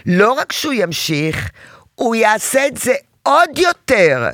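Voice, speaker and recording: Lively woman parenting coach, dry sound. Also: on the high side, no echo. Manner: animated, acts out parent and child voices. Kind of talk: advice talk to a parent.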